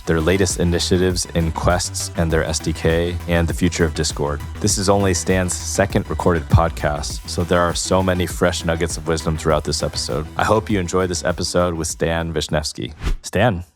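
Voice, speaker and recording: Man, low pitch, podcast host, upbeat, eager, faint music behind. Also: steady tone, moderate pace. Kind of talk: podcast intro read and interviewing.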